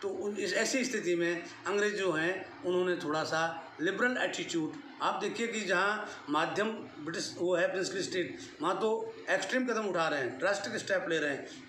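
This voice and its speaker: A middle-aged man lectures on history in a loose, explanatory way, now and then dropping in English words. His voice sits a little high for a man. The room is roomy and echoing, with a faint hiss underneath. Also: normal speed, fairly bright tone. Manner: explanatory, mixes English terms into his speech. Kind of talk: unscripted classroom-style lecture.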